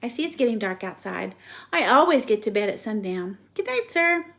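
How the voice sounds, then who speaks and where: Storybook songbird, a tiny gentle hen, soft and musical, courteous, read by a woman. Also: fairly high pitch, big pitch swings, normal speed, gravelly, exaggerated voice.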